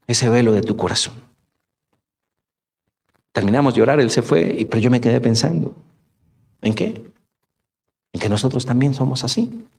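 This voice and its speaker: A man's voice: mid-range voice, a little mellow. A male pastor giving a radio sermon, preaching through rhetorical questions and addressing his listeners as brothers. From Colombia. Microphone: studio microphone for radio broadcast.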